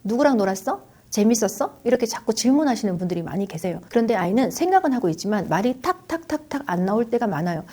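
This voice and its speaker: Woman, 50s, parenting expert, quick speech, dark mellow tone, calm explaining. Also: medium pitch. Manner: calm explaining, acts out parents' questions to a child. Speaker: child education expert. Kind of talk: advice in an interview.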